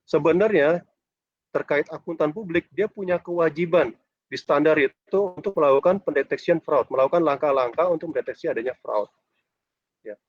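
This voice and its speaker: A man with a mid-range voice gives a casual lecture to a university class over a video call, the connection sounding dull and choppy though without echo. He's chatty and tends to end phrases with a questioning "ya".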